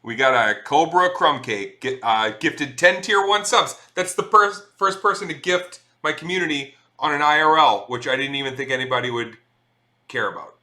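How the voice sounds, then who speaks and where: A man's voice: on the high side, normal speed, sharp tone. A middle-aged man chatting casually on a live stream, reading viewer messages aloud and swearing freely.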